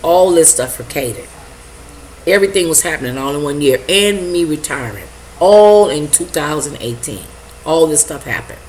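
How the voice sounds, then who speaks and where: Older woman, low voice, emotional personal testimony, halting, repeats herself. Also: lively intonation, darkish tone, a little hiss or hum, low-quality recording. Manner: halting, repeats herself, acts out her own reactions. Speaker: vlogger sharing a personal testimony.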